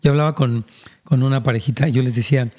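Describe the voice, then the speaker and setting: Male pastor, husky and warm-toned, earnest counseling voice. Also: mid-range voice, fairly even intonation, fast talker. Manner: earnest, preachy, addresses listeners directly.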